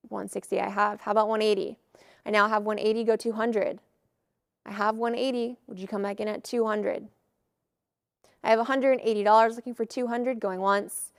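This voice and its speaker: A woman auctioneer calling bids in a live auction with brisk, formulaic patter. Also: fairly high pitch, no room sound, studio quality.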